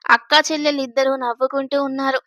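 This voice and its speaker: A woman's voice: high voice, level tone, quick pace, sharp tone, no echo. A woman storyteller reading a daily family serial aloud, voicing all the characters herself.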